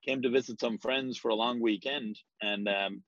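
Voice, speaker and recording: An Irish man in his forties, a real estate agent appearing as a guest, answers interview questions in a rambling, hesitant way, filling gaps with plenty of ums. His medium-pitched voice is steady and fairly bright, delivered at a normal speed with no echo. The recording has a dull, lo-fi quality.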